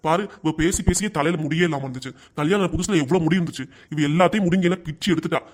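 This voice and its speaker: A man voicing a patient middle-aged cartoon father who answers his wife and son softly and defensively. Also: on the high side, racing, natural voice. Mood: pleading. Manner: soft, pleading and defensive. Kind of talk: cartoon voice acting.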